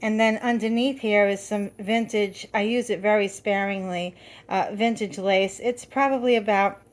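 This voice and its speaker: A woman's voice: medium pitch, steady tone, moderate pace. A middle-aged woman hosting a craft video from her home, chatting casually with lots of fillers and restarts, a little out of breath. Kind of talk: casual show-and-tell.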